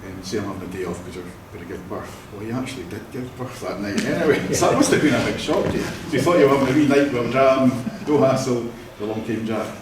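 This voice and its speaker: A Scottish man with a mid-range voice talks quickly, with few pauses, while leading a vow renewal in a church hall. As celebrant he jokes through family anecdotes and laughs often, recorded from a distance in an echoey room with background noise.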